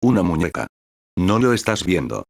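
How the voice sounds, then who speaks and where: A proud, pompous teenage boy talks in a haughty, stiff way, as a man reads his lines. His voice is deep and the recording is dry. It is part of a read-aloud story. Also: lively intonation, moderate pace, no echo. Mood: haughty, annoyed.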